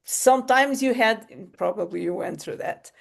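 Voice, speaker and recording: This Portuguese woman hosts a podcast on little sleep, rambling casually, laughing and interrupting herself mid-thought. Her voice is a little high and gravelly, at normal speed.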